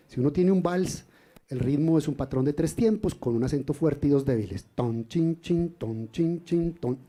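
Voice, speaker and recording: A man, a singer and poet explaining rhythm in poetry in a relaxed café talk. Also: medium pitch, slightly rough. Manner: explanatory, chants rhythm syllables. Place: café event in Cali.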